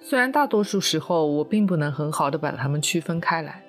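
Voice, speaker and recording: A woman's voice: deep voice, expressive, brisk, faint music behind. A woman hosting a narrated podcast, speaking in a reflective, conversational way. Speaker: podcast host. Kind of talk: narrated podcast with scripted segments.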